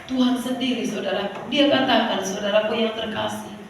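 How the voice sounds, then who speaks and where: A woman's voice: on the high side, fairly even intonation, fairly quick, vocal fry, a little hiss or hum. A woman preacher giving a sermon, calling out to the congregation and sometimes breaking into song. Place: church hall. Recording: echoey hall, heard from far off.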